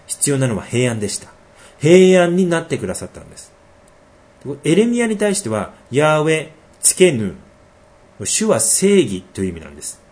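Middle-aged guy preaching, reads scripture slow then talks it through, voice jumps around a lot. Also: medium pitch, darkish tone. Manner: reads verses slowly, then explains in a conversational tone. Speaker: pastor. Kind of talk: sermon.

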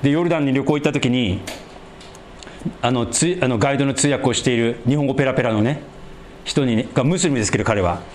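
A man preaching a sermon and leading a prayer, stressing key words by stretching them out slowly and dropping low and quiet at the ends of phrases. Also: a little hiss or hum. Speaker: pastor.

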